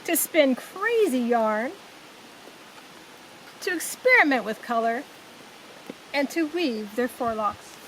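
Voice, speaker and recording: A woman storyteller reading a children's story aloud in an expressive style. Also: high-pitched, slow pace, pauses often, a little hiss or hum, rough recording.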